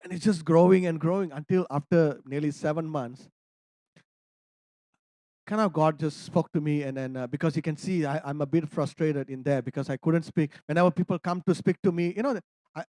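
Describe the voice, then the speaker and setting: A man from India, a pastor telling a personal story in a sermon, animated and laughing often as he acts out conversations. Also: on the high side, moderate pace, dry recording, clean studio sound.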